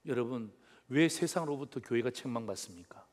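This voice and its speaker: A man's voice: mid-range voice, animated, a little fast. A man pastor delivering a sermon, preaching emphatically and asking the congregation rhetorical questions. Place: church sanctuary. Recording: reverberant church hall with faint music.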